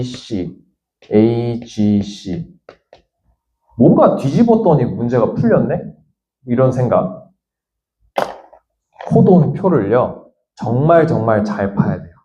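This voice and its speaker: A man's voice: medium pitch, dark tone. A man teaching science in a lecture, thinking aloud as he works through a problem and voicing students' questions himself. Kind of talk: lecture with a worked example. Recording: dull lo-fi lecture audio.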